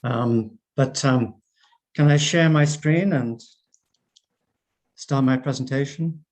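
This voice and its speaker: An older man with a hoarse, croaky voice, giving a halting conference presentation over a video call. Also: medium pitch, a little mellow. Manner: halting, often repeats and breaks off words. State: hoarse from wildfire smoke and asthma. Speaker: research scientist and clinical pathologist, invited speaker. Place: remote online presentation by screen share. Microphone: video call microphone.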